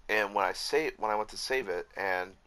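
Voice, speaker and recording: A man's voice: fairly low pitch, moderate pace, pushed and bright, clear, resonant tone. A man giving casual, frustrated commentary while rebuilding a game map, swearing often and correcting himself as he goes. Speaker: Minecraft YouTuber.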